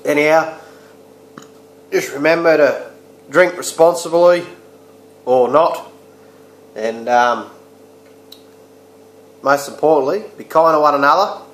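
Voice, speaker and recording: A man's voice: on the high side, slow pace, long pauses. Aussie bloke reviewing beer on his webcam, rambly and swears a bit, roomy echo. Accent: Australian. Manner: laid-back, rambling, crude slang. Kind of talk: casual beer review vlog. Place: small room indoors. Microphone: webcam or laptop mic close up. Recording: echoey room.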